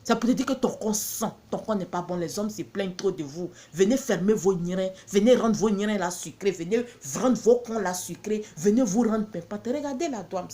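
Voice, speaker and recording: A woman's voice: mid-range voice, normal speed, hardly any pauses, mellow. A woman from Benin, selling her own products in a blunt, emphatic promotional monologue full of repeated catchphrases.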